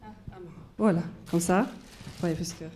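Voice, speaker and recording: A woman's voice: on the low side, steady tone, moderate pace, darkish tone, slight background noise. A woman in her forties with a German accent, a research physicist giving a conference talk, moving about and explaining with everyday examples. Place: university lecture hall. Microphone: handheld microphone.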